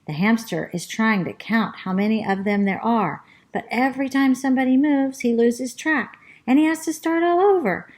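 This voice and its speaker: A woman reading a children's storybook aloud as a chatty, fussy pet parrot who narrates the tale, in a slow, sing-song rhyming manner. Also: on the high side, voice pushed up, close to an everyday voice. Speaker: storybook reader.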